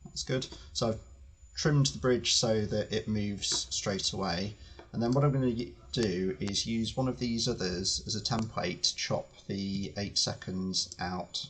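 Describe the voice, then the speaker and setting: A man streaming live as he edits his video, thinking aloud with fillers and restarts, his voice slightly hoarse. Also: on the low side, unhurried, fairly bright tone. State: slightly hoarse, clearing throat. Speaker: channel host editing video. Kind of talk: casual live-stream commentary.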